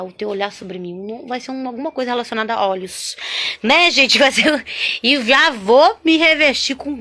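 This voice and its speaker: A woman sharing a spoken religious testimony, chatty and animated, constantly tagging her sentences with little questions to the listener. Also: on the high side. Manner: chatty, constant "né?" and "sabe?" tags; animated, swings between loud and hushed.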